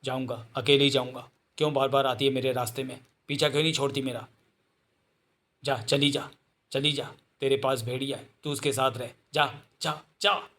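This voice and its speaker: A man's voice: mid-range voice, fairly even intonation, normal speed, natural voice. A man voicing a hot-tempered, brusque young hero. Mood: angry. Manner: curt, harsh commands, quiet.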